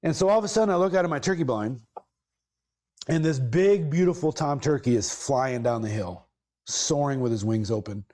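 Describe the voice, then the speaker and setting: A podcast host tells a long story in a casual, mid-pitched voice with a darkish tone. He's expressive and moves at a moderate pace, rambling, backing up to correct himself, and leaning into bursts of emphasis.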